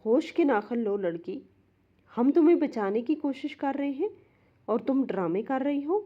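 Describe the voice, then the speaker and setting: A woman's voice: medium pitch, animated, dull audio, natural voice. A woman voicing a stern, domineering older mother-in-law who scolds and commands harshly. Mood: angry.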